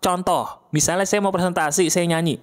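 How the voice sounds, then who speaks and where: A man giving a casual motivational talk. He fires rhetorical questions at the listener and acts out their objections in a higher voice. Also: steady tone, brisk. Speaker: motivational speaker.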